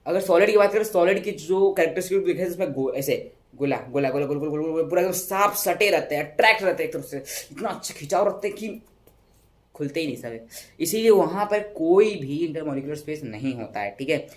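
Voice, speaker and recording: A man's voice: on the high side, animated, a little fast. A young man explaining science in a casual, chatty way, repeating words, correcting himself and making little sound effects. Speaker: teacher.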